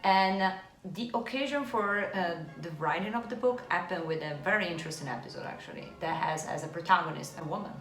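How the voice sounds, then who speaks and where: A woman co-hosting a chat show as an art historian, explaining at length with hesitant pauses. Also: on the low side, fairly bright tone. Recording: roomy room with faint music.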